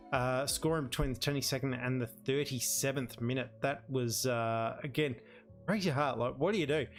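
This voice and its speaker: A man commentates casually on a football management game, reading out results in a conversational way with wry exclamations. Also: mid-range voice. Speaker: host of a gaming series.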